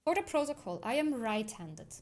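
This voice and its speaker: On a casual livestream, a woman from Switzerland reads viewer comments and drifts through chatty, wandering tales, often breaking into laughter. She talks at a normal speed in a high, sing-song voice that is slightly mellow.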